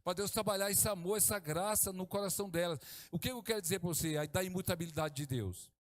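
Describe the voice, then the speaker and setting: Fervent pastor preaching. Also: male voice, fast. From Brazil. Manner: fervent preaching, pitch swings between hushed and exclaiming. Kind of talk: sermon.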